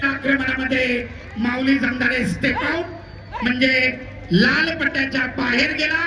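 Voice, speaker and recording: A man calling a live wrestling match through a loudspeaker PA, energetic, announcing points and warning the wrestlers. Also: very high-pitched, normal speed. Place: outdoor wrestling ground. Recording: echoey outdoor PA with loud crowd.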